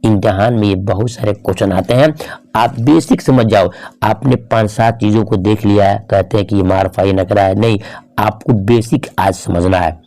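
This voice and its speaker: Man, middle-aged, gravelly voice, dark tone, exam-prep teacher, repeats each point twice. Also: fairly low pitch, normal speed. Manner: asks questions and answers them himself, repeats key points. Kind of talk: exam-prep grammar lesson.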